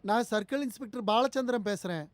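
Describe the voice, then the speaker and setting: An actor playing a bumbling, fearful police constable who stammers and talks nervously, from a dubbed film. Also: male voice, very high-pitched, fast talker, no echo. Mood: nervous chatter. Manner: nervous, stammering, eager to please.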